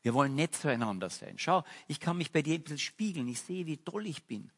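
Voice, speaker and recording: A man voicing a friendly talking grand piano in a sermon parable, coaxing and placating, with a husky voice. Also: fairly high pitch, lively intonation, a little fast, long reverb tail, voice pushed up.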